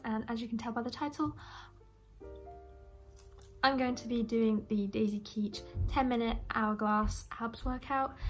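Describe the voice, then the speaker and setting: A woman's voice: a little high, a bit bright. A young adult woman vlogging casually to camera from her bedroom, chatty and full of little asides. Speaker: fitness vlogger. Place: cluttered bedroom.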